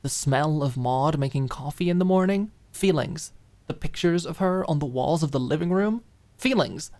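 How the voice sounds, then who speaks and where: In a low, mellow voice, a woman narrates a dramatic fiction audiobook at a normal pace. Her delivery is animated and expressive, and she lingers on key words.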